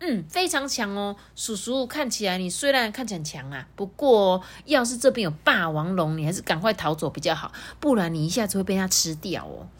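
A woman's voice: mid-range voice, sing-song, a little fast, hardly any pauses. A woman with a Taiwanese Mandarin accent voicing a cheerful, naive baby triceratops in a childlike, sing-song way. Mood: chirpy.

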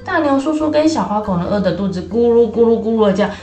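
A woman telling a bedtime-style story to children in a lively voice, speaking to them directly. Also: a little high, fast. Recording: echoey room with faint music.

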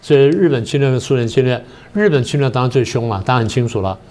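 An older man, a political science professor and guest on a talk show, explaining history in a slow, methodical way. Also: mid-range voice, animated, darkish tone. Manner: methodical, explains step by step with many pauses.

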